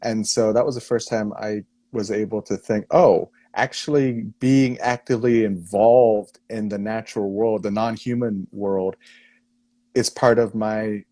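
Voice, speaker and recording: A man's voice: on the low side, fairly even intonation, normal speed, dark tone, no room sound. A young man from Singapore, a guest in a casual interview, speaking thoughtfully and earnestly with a self-deprecating touch.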